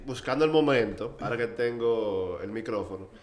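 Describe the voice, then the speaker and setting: A man, the company's CEO, speaks politely and in a measured way. His voice sits somewhat low and echoes in the room over a faint hum of ambience. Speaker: company CEO, podcast co-host. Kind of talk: casual podcast chat.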